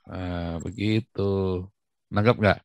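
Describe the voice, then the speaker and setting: A man's voice: low voice, steady tone, slow pace, darkish tone, no echo. A man hosting a live video-call discussion, emphatic and lecturing, often repeating himself. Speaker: livestream host.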